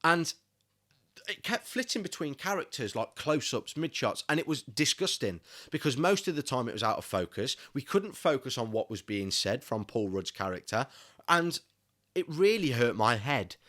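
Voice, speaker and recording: A man's voice: mid-range voice, very animated, moderate pace, pushed and bright. A young man giving a casual solo film review, ranting with passionate frustration. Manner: passionate, increasingly irate ranting.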